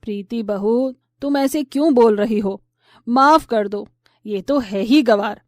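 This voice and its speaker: A woman voicing a spiteful older mother-in-law in a storybook tale, who scolds in a shrill, nagging way. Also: slow pace, a little mellow, no echo, clean studio sound. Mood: fussing. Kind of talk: storybook voice acting.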